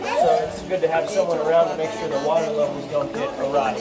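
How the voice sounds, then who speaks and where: Middle-aged man, halting tour guide, outdoor farm, handheld camera, loud music underneath. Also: a little high, steady tone, over a noisy crowd, rough recording. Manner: halting, many fillers and restarts. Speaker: fish farm owner giving a tour. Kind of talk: casual walking tour explanation. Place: outdoor covered fish farm. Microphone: handheld camera nearby. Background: loud music added over the talk.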